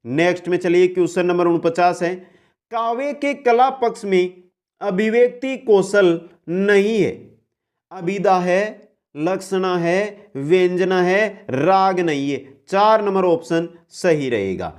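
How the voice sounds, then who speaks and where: A man teaching an online exam-prep lesson, briskly reading each question, restating it and calling out the correct option while addressing listeners as friends. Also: high-pitched, a little mellow, clean tone. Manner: brisk quiz-answering, repeats the question then gives the answer.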